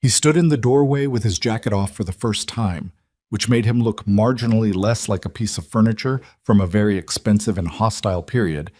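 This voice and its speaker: A man narrating a scripted dramatic story in an even, steady storytelling manner. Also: fairly low pitch, a little fast.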